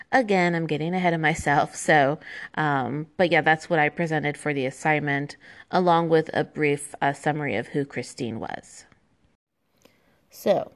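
Low, gravelly young American woman podcaster. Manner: chatty, laughs often, loose with fillers. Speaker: podcast host. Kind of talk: casual solo podcast narration.

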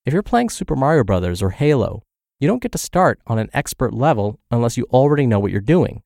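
Even with a congested, scratchy flu voice, this podcast host reads health and fitness blog posts in a very animated, fast delivery. His mid-range voice is gravelly and warm, captured in clean studio sound with no room reverb.

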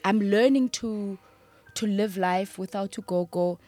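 A young woman, a podcast guest, speaking in a heartfelt, halting way about loss, with soft music underneath. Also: medium pitch. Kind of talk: emotional interview.

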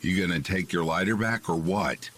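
A man's voice: low-pitched, normal speed, fairly bright tone, a little hiss or hum. A man voicing a crude, swearing teenage schoolboy who sneaks cigarettes, in a horror story reading. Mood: cocky.

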